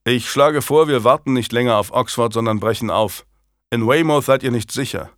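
Loyal, measured lord in a historical audiobook, dry studio sound; a male narrator plays him. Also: mid-range voice, a bit bright, no room sound, close to an everyday voice. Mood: firm. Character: grave, loyal nobleman, a bit grumpy.

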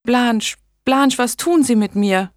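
A woman's voice: mid-range voice, slow, fairly bright tone, no room sound, studio quality, voice pushed up. A woman reading an audiobook and voicing a frightened young noblewoman in painful labour, pleading and whimpering.

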